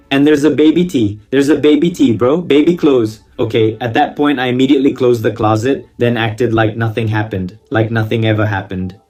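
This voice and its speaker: Male confession-reading host, medium pitch, slangy and theatrical, gleefully dishing gossip with mocking asides, music underneath. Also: a little mellow. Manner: slangy, exclamatory, theatrical reactions. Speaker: YouTuber reading viewer confessions. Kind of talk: casual reading of gossip with running commentary.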